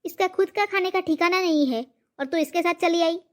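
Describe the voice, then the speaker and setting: A woman voicing a sharp-tongued old mother in a cartoon comedy, scolding and throwing insults. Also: very high voice, fairly quick. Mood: angry interrogating.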